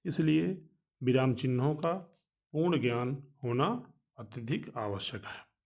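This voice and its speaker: A man teaching a grammar lesson, explaining step by step in a measured way with frequent pauses. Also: mid-range voice, lively intonation, gravelly, a little mellow.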